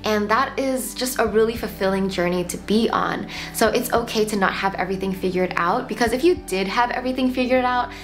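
Woman, late twenties, casual vlog host, reflective advice, chatty fillers, soft music underneath. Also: medium pitch, fairly quick, hardly any pauses. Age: 20s. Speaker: lifestyle channel host. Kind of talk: casual talking-head vlog. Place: home room, seated on the floor.

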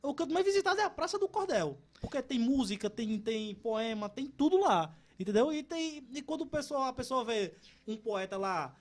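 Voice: a man in his thirties with a high-pitched voice, a guest speaking in a casual podcast interview. He talks with animated energy, often stumbling and restarting his sentences. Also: normal speed, slight background noise. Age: 30s. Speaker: cordel poet guest.

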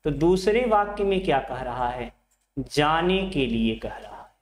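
A man's voice: fairly high pitch, expressive, unhurried, a little hiss or hum. A middle-aged man teaching Hindi to exam students, repeating phrases, asking questions and answering them himself, and calling his students his children. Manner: addresses students fondly as children. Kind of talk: classroom lecture at a board. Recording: echoey room.

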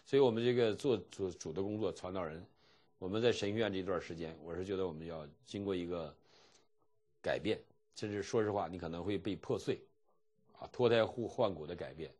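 A man's voice: low-pitched, fairly quick. A middle-aged man from mainland China, a pastor teaching a seminary class and telling stories with chuckles. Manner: animated storytelling, acting out dialogue with chuckles. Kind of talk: seminary lecture.

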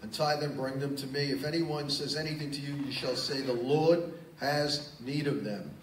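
A man's voice: mid-range voice, fairly even intonation, moderate pace. Pastor guy reading scripture then explaining it, emphatic asides, bit far from the mic, faint room hum. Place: church sanctuary. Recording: roomy church sound, distant mic, faint ambience.

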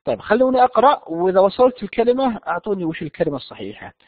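A man teaching an online English class, drawing out the English words slowly and rattling off quick explanations. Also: high-pitched, lively intonation, no room sound. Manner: switches between slow drawn-out English and quick Arabic explanations. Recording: dry, phone-like narrow sound.

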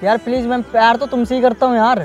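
A man's voice: extremely high pitch, little pitch movement, quick pace, loud music behind the voice, over a noisy crowd. A young man, pleading and defending himself to two angry women in a staged prank. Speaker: prankster boyfriend.

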